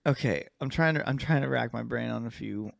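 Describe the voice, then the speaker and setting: A man's voice: medium pitch, brisk, vocal fry, dry recording, studio quality. A man co-hosting a podcast in casual chat, rambling and swearing, often losing his train of thought. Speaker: podcast co-host.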